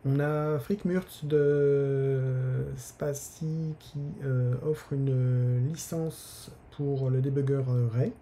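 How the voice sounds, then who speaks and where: A man's voice: mid-range voice, steady tone, very slow, hardly any pauses, dark tone, slight background noise. A man hosting a live stream from his desk, talking casually with many hesitations and restarts. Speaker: newsletter author hosting a live giveaway stream.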